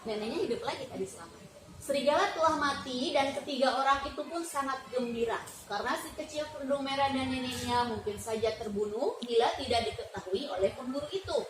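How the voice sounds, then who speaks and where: In an echoey classroom with clearly audible noise, a young adult teacher's high, brisk voice comes from well away from the mic. She reads a story aloud, then questions a child encouragingly, starting words for the child to finish.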